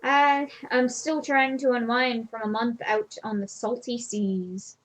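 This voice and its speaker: A woman reading a game's male fisherman character aloud, with a halting try at a sailor's accent. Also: a little high, lightly acted, low-quality recording. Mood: hearty. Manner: hearty sailor greeting, halting attempt at an accent. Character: weathered adult male fisherman back from sea. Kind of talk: voicing game dialogue aloud.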